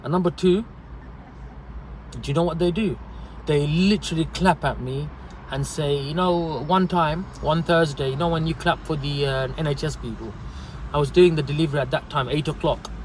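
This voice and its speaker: A man's voice: on the high side, normal speed, a little hiss or hum, rough recording. Earnest man giving street-side advice. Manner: earnest, repetitive, animated storytelling. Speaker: delivery driver vlogger. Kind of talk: casual livestream advice talk.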